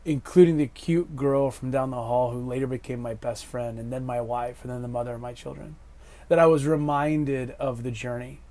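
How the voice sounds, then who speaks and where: A man in his thirties speaks with a hoarse smoker's rasp, as if his voice is worn out from shouting. He delivers a scripted, uplifting reflection at a middle pitch. His manner is earnest and measured. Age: 30s. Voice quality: hoarse, raspy like a chain smoker. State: hoarse from yelling at a game. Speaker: host giving a faith reflection.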